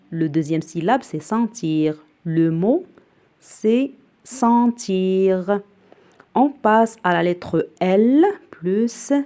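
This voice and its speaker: Woman teacher, low mellow voice, spells and repeats words very slowly for kids. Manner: spells out letters and repeats each word slowly; glosses words in Arabic. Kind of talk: slow spelling and reading lesson for children.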